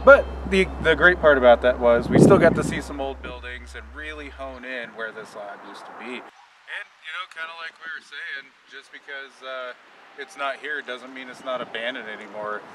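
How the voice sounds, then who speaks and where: A man's voice: medium pitch, normal speed, heavy background noise. A man co-hosting an exploration vlog, explaining things thoughtfully outdoors on a neighborhood street, with a rambling, filler-filled delivery. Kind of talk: casual on-location explaining. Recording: distant voice with music bed.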